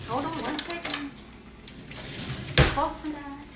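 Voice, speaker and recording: Recorded by a far-off camera in an echoey kitchen, with faint clatter and heavy background noise, a middle-aged woman vlogs a casual home recipe demo. Her voice sits high with fairly even intonation and an unhurried pace, while her manner is jokey, playful, and punctuated by cheerful "ta-da" exclamations.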